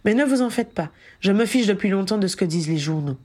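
A woman's voice: medium pitch, lively intonation, quick pace, mellow, natural voice. A woman reading the lines of Harry, a wry and self-mocking grown man, in an audiobook. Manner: dry sarcastic understatement.

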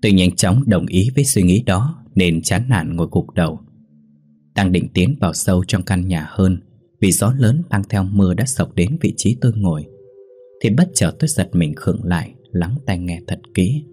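Deep, dark-voiced male horror narrator. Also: expressive, moderate pace, breathy edge, faint music behind. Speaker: storyteller.

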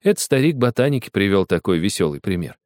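A man narrating a children's story aloud, expressive and acting out the dialogue. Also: on the low side, quick pace, no echo, studio quality. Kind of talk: audiobook storytelling.

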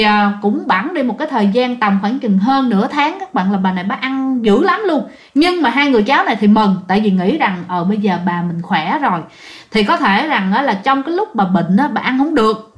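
Woman telling ghost stories. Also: a little high. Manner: dramatic, repeats words for emphasis. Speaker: storyteller. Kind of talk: casual ghost story telling to listeners.

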